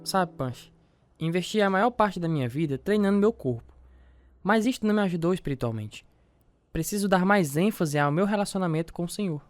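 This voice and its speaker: A male actor with a Brazilian accent speaks in a high, lively, brisk voice with no room sound. He plays an earnest, devout boxer and young father in a reflective radio drama, narrating his own story in the first person over guitar music.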